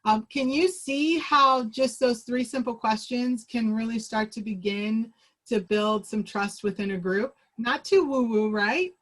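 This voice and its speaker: A woman's voice: fairly high pitch, a little slow. A woman presenting a workshop over a video call, leading a group exercise in a chatty, upbeat way and laughing easily. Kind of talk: facilitating a virtual group exercise.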